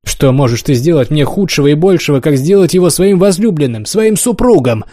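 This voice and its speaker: A man's voice: mid-range voice, brisk, dark tone, slightly rough, no echo, studio quality. A man voicing a desperate, jealous young lover. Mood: impassioned.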